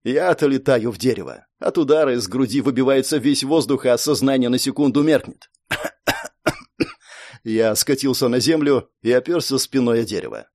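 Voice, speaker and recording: A man's voice: mid-range voice, huge pitch swings, normal speed, darkish tone, no echo, clean studio sound. Intense male audiobook narrator. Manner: intense, breaks into strained outbursts in inner thoughts. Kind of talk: dramatic first-person fiction narration.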